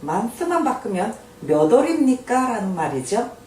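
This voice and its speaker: An older woman teaches English with patient care, drawing every phrase out slowly before she explains it. Her fairly high voice rises and falls in a lively way. She sounds far from the mic in an echoey room, with a faint hiss behind her. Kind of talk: slow spoken English lesson.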